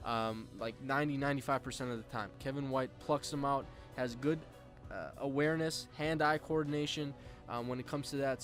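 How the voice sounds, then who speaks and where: A young man hosting a football draft show, giving a casual scouting breakdown with frequent fillers and restarts. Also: on the high side. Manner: many fillers and restarts, conversational. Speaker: football draft analyst host.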